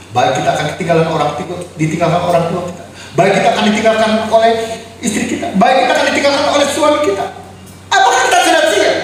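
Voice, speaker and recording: A man preaching an emotional sermon, grieving and crying out in anguish as he testifies to his listeners. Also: sits high. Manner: grieving, cries out and shouts in anguish; addresses listeners as brothers and sisters. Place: apartment worship room. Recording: very echoey room, distant mic, faint noise.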